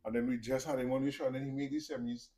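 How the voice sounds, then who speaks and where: A man's voice: mid-range voice, steady tone, rapid-fire, mellow, low-quality recording. A man with a Trinidadian accent hosting a podcast interview, rambling and stumbling as he asks his questions. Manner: rambling, hesitant, stumbles over words. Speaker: podcast host. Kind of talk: casual interview.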